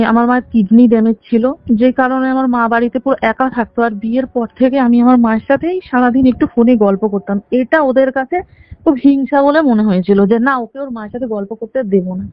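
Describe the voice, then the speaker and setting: Her voice is a little high and the recording dry. She's a woman of roughly twenty calling in to earnestly share a detailed personal story, over a dull, band-limited phone line with faint background music.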